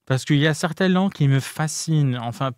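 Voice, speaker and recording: A man speaking French as a second language with a foreign accent, talking casually and candidly as a podcast guest, often pausing and rephrasing. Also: on the high side, no room sound, studio quality. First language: not French. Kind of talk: casual, candid interview talk.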